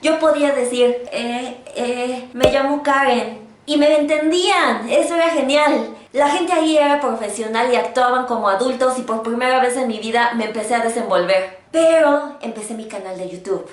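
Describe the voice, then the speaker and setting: A woman's voice: a little high, normal speed, hardly any pauses, reverberant, slight background noise. A woman from Mexico with a Mexican accent and a speech impediment that keeps her from pronouncing R properly, telling personal stories as a YouTuber talking to camera. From Hidalgo, Mexico.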